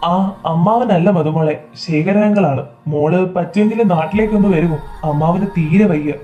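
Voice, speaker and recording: A man voicing an older father and uncle who speaks gently and sounds worried. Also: sits high, moderate pace, lo-fi sound, natural voice. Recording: soft background music.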